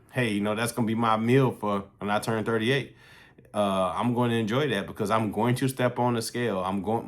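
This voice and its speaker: A man's voice: on the low side, a bit bright. A man in his late thirties talking casually to camera in a fitness vlog, loose and slangy with plenty of swearing. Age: 30s. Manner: loose, profane, slangy and conversational. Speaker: fitness vlogger.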